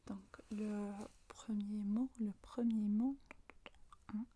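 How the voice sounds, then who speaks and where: An Englishwoman from Manchester, a native English speaker, giving a whispered ASMR lesson in French with an English accent. She talks haltingly and stops to search for words. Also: mid-range voice, little pitch movement, slight background noise. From Manchester, England. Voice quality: soft breathy whisper. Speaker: ASMR language teacher.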